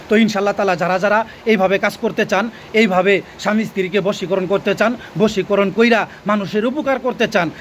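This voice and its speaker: A man with a high-pitched voice teaches like a folk healer. He talks insistently, repeats key phrases two or three times and keeps asking whether he has been understood. A faint hiss sits under the recording. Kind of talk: instructional talk.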